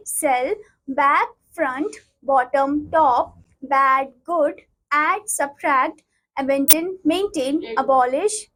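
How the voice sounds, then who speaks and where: A woman teacher reading word lists to students, speaking slowly and explaining quickly in Hindi. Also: high voice, fairly bright tone, low-quality recording. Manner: slow deliberate English, quick Hindi explanations.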